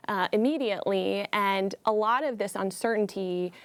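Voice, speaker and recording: A woman speaking as a former state senator on a political panel, measured and thoughtful, with some fillers. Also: medium pitch, no echo. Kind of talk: studio panel discussion.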